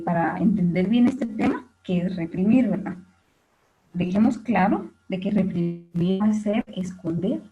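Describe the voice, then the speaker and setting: Woman teacher lecturing over lo-fi audio. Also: fairly low pitch. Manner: explanatory, frequent "este" fillers, addresses students directly. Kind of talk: online class lecture.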